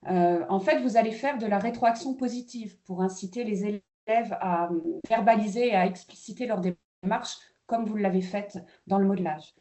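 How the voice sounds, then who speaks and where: Mellow-voiced woman explaining teaching steps. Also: mid-range voice, normal speed, few pauses. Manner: explanatory, with hesitations and fillers. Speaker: kindergarten teacher presenting a webinar. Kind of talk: teacher training webinar.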